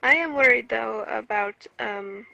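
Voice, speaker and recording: A woman playing a tabletop game, speaking hesitantly and politely with lots of fillers. Her voice is slow, slightly high and heavily creaky, with a bright edge. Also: no room sound, dull audio. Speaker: player.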